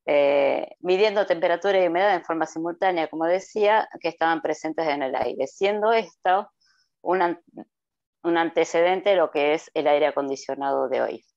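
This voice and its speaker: Speaking at a normal speed, a low-voiced, darkish-toned middle-aged woman from Argentina guests on a podcast over a video call. She explains in a conversational way with lots of hesitant fillers, and the audio is dry and dull.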